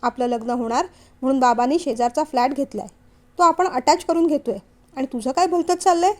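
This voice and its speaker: Woman reading firm earnest young guy, high light voice, audio novel. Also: a little fast, darkish tone, close to an everyday voice. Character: young man, firm devoted son, steady.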